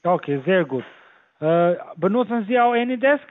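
A man with a high voice comes through a thin, phone-like line with no room sound. He stumbles along with fillers and broken grammar. He keeps pushing his pitch as a phone scammer. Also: expressive, normal speed, no echo.

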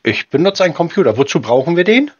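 A man in an informal phone conversation, blunt and insistent, often repeating himself, with a husky voice. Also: fairly high pitch, big pitch swings, fast talker. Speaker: prank caller baiting scammers. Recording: slightly dull, lo-fi call audio.

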